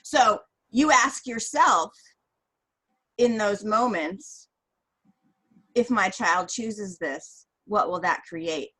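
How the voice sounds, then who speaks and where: A woman's voice: mid-range voice, very slow, pauses often, a bit bright, husky, poor audio. A woman co-hosting a casual podcast, summing up points and giving parenting advice. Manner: sums up points and gives advice. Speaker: co-host.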